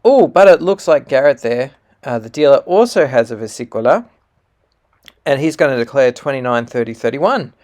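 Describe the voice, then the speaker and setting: A man's voice: mid-range voice, animated, moderate pace, a little mellow. A man patiently explaining a card game hand as he plays, with fillers and self-corrections.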